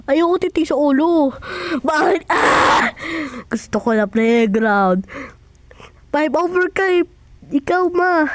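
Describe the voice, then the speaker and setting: A woman with a high voice chattering in casual play. She talks at an unhurried pace, sounding whiny and excitable, with sudden sharp exclamations. The sound is dry and close. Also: no room sound.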